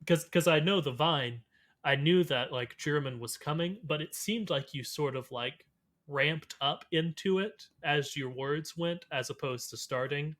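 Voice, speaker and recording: Male co-host, playful teasing banter, voice a touch higher than average. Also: unhurried, a bit bright. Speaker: podcast co-host. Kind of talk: casual chat.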